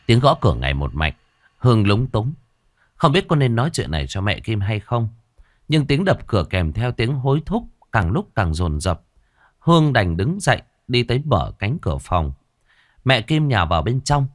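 A man narrating a horror story, dramatic and expressive. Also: on the low side, moderate pace, no echo, clean studio sound.

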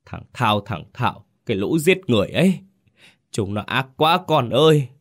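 Man doing a distraught older peasant mother, raised pitch above a deep voice, wailing, storybook ghost tale. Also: big pitch swings, moderate pace. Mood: furious scolding. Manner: wailing, shrill scolding. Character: grieving poor peasant mother, older woman.

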